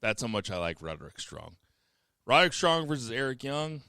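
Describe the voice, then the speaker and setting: A man's voice: medium pitch, big pitch swings, fairly quick, sharp tone, clear, resonant tone, no echo. A man hosting a casual podcast chat, joking around and steering the conversation. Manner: joking, leads the show and hands off questions. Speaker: podcast host.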